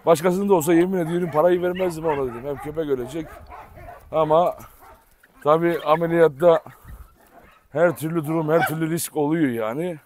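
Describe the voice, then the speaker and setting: Man vlogger, slightly high voice, tired and frank, dogs barking behind. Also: fairly even intonation, fairly quick, pauses often, darkish tone, a little hiss or hum. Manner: weary, frank, speaks straight to viewers. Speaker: vlogger and dog keeper. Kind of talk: casual vlog talk to viewers. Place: outdoor yard with many dogs.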